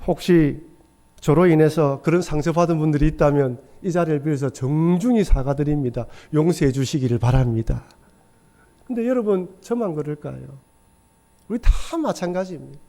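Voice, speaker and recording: A man's voice: fairly high pitch, normal speed, mellow. A middle-aged man, a pastor, preaching a sermon in a church with earnest storytelling. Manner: earnest storytelling, acts out quoted voices. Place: church sanctuary.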